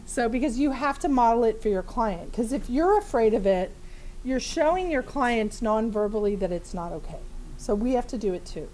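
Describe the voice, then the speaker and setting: A big-voiced woman therapist runs a live training demonstration before a small audience in a room, chatty and lively, laughing a lot and using many fillers. Her voice sits a little high at a normal speed, and the rough recording carries a little hiss or hum.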